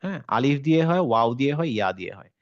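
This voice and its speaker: A man teaching an online tajweed class, explaining slowly, mixing in English words and modeling the sounds aloud. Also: medium pitch, very animated, dry recording, dull audio. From Bangladesh.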